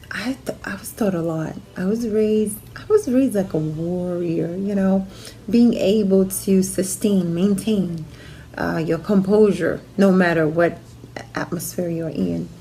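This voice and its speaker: A middle-aged woman from Haiti, a producer and actress, telling her life story in a relaxed way, with fillers and restarts, in a personal bio monologue. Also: on the low side, vocal fry, slight background noise. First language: Haitian Creole or French.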